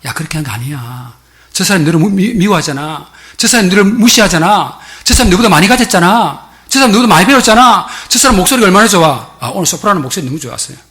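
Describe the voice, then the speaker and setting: A man's voice: sits high, expressive, fast, pushed and bright. A man voicing Satan as a sly tempter murmuring jealous suggestions into someone's ear. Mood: insinuating. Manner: coaxing, insinuating.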